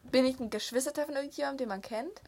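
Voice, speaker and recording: Young woman, slightly high voice, excitable game-night chatter. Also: breathy edge. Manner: excitable, swears when stuck, quick laughing outbursts. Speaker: player in a guessing game. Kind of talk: casual chat.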